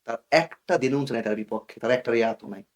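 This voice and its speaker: A man's voice: medium pitch, quick pace. A man from Bangladesh, a guest in an interview, explaining in earnest, cautionary tones and mixing English words into his speech. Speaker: guest expert.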